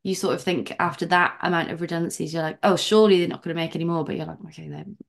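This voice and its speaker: A woman's voice: fairly low pitch, steady tone, very fast, vocal fry. A young woman from England, a podcast guest, chatting casually and animatedly with lots of "like" fillers. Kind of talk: casual interview chat.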